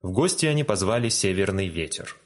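A man reading a fairy tale aloud in a calm, gentle storytelling manner. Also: low-pitched, fairly quick. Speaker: narrator. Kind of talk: storybook narration.

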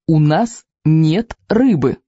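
Narrator doing a sulky viking kid, talks slow through his teeth. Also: medium pitch, animated, warm tone, no echo, muffled recording. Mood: glum. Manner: sullen, through gritted teeth. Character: gloomy timid Viking boy.

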